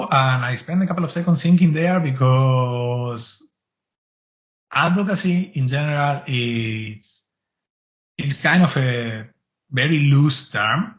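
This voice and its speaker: Heard through lo-fi audio, this medium-pitched man is an interview guest who works as a cloud advocate. Middle-aged and from Argentina, he speaks English as a second language with an Argentine Spanish accent, replying earnestly but rambling, with frequent restarts.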